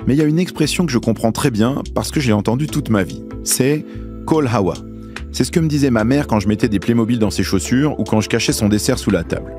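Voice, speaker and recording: A man from Lebanon hosting a podcast, giving a measured scripted introduction before interviewing his guest. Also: medium pitch, over music. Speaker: podcast host.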